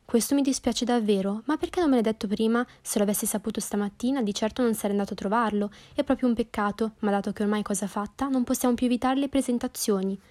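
A woman's voice: on the high side, fast, few pauses, darkish tone, lightly acted. A woman narrator voicing a dry, teasing father with an ironic manner in an audiobook. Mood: wry. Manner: ironic, mocking. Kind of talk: audiobook character voice.

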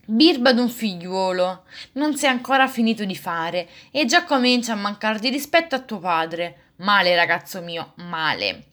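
A woman's voice: medium pitch, expressive, unhurried, hardly any pauses, a bit bright. A woman voicing a poor, fretful old male woodcarver in a storybook reading, speaking in a grumbling, scolding way. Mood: sorrowful.

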